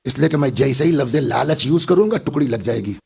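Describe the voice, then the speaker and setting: A man's voice: mid-range voice, lively intonation, a little mellow. An older man giving a sermon, telling stories and putting questions to his listeners. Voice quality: gravelly, husky voice. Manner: storytelling, asks the audience questions. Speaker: Islamic scholar giving a majlis lecture.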